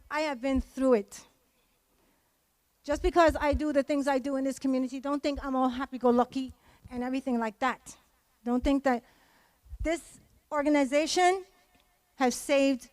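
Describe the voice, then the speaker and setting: At a memorial event, a woman from the community gives impassioned public testimony, pressing her points emphatically through repeated phrases. Her high voice is steady and a little mellow, moving at a moderate pace with long pauses. The recording is dry, with barely any echo.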